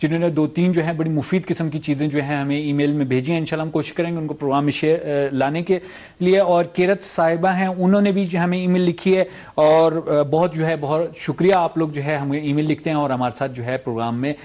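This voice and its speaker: A man's voice: on the high side, steady tone, highs cut off. A man hosting a TV morning show, chatty and loose, reading viewers' names and leading into segments. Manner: chatty, with many fillers. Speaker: host. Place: TV studio.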